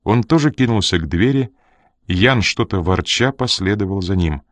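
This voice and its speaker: A man with a very low voice reads an audiobook in measured, scripted narration. The sound is dry and close, with no room around it. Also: expressive, no echo.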